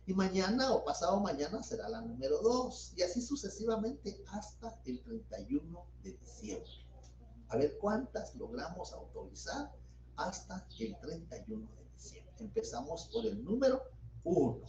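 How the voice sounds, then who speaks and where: A middle-aged man who works as a notary teaches a law class in a university lecture, explaining step by step and posing his own questions before answering them. His voice is high-pitched with a dark tone, picked up by a distant mic as dull, roomy audio with a little hiss or hum.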